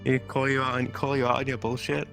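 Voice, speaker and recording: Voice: medium pitch, level tone, fast talker, gravelly, a bit bright, faint music behind. A playful speaker bantering casually and teasing friends during a virtual role-play session.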